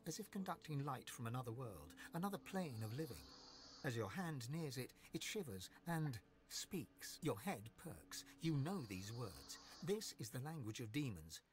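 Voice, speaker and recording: A mysterious storyteller, acted by a man, narrates a fantasy game. His delivery is measured and grave, with lively rises and falls in a mid-pitched voice. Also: lightly acted.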